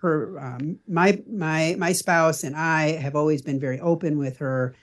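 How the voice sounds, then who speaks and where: Speaking a little slowly in a fairly high voice, a middle-aged parenting blogger responds as a podcast guest. He is sincere and conversational, taking time to explain his points.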